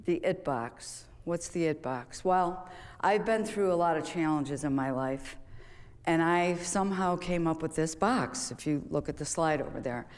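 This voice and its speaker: A woman speaks from the stage of a large auditorium, giving a motivational talk in a chatty, storytelling way. Her voice sits on the low side, and the hall adds a long, lingering reverb. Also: unhurried, a little mellow. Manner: conversational, storytelling, with rhetorical questions. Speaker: public speaker and golf coach.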